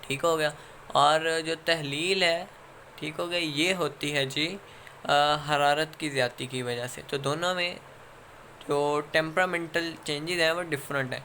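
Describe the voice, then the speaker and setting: A Pakistani-accented man gives a lecture in a fairly high, bright, forceful voice. He explains step by step, pauses on fillers and keeps checking in with his students. Faint hiss sits under the recording. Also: steady tone. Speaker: instructor.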